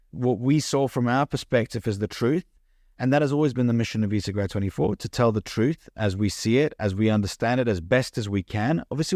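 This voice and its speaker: This is a podcast interview with a young adult man from the UK who founded a social media company; he's earnest and quick, often restarting what he says. His medium-pitched voice is a little mellow, and the clean studio sound has no room reverb.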